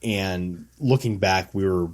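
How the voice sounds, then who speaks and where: A man co-hosting a podcast in a basement studio, telling stories in a lively, self-mocking way. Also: sits low, takes it slowly. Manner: animated storyteller, self-mocking. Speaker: podcast co-host. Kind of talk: casual podcast chat.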